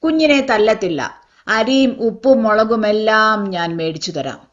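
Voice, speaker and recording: A woman voicing a kind, protective rickshaw puller who speaks gently and soothingly. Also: medium pitch, a little slow, lo-fi sound, lightly acted.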